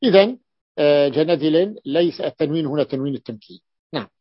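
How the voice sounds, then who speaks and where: A man's voice: on the high side, fast talker, no echo. A male sheikh teaching a grammar lesson to students, repeating and drawing out words to stress them. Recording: dull lo-fi dry recording.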